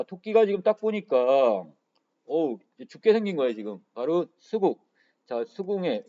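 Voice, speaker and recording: A man's voice: fairly high pitch, mellow. A man teaching Korean literature for exam prep, who keeps saying "자" and asks his students questions before answering them himself. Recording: dull lo-fi lecture audio.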